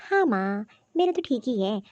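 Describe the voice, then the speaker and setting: Selfish young wife from a cartoon story, stubborn and insistent in every line, with a woman acting her out. Her voice is high-pitched but mellow in tone. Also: big pitch swings, normal speed, highs cut off, a little hiss or hum.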